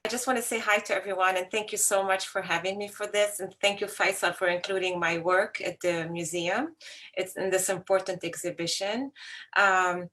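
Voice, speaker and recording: A woman's voice: medium pitch, fairly even intonation, moderate pace, bright, forceful tone. A middle-aged woman from Lebanon, an artist talking casually about her work with frequent restarts. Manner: conversational, with restarts. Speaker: artist guest.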